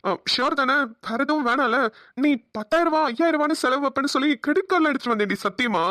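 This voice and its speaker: A woman's voice: sits high, fast talker, a bit bright, no room sound, studio quality. A woman voicing a protective young husband in a cartoon, teasing his wife with affectionate ribbing. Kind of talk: cartoon voice acting.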